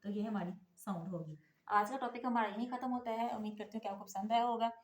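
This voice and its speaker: A woman teaching an English phonics lesson. She explains letter sounds, spells words out letter by letter and keeps checking in with a quick "theek hai na". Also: mid-range voice, echoey room, poor audio.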